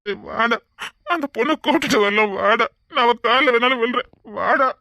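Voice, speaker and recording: A man acts out a stern elder brother from a village family drama, scolding his younger sibling and then pleading with him, with a Tirunelveli Tamil accent. The voice sits high and bright, and the sound is dry and close. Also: moderate pace, vocal fry, dry recording, exaggerated voice.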